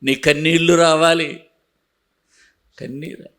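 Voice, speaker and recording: Forceful, bright-voiced male preacher. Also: a little high, steady tone, slow pace. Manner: emphatic preaching with repeated refrains; drops to a soft, pleading hush. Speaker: pastor. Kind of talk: sermon.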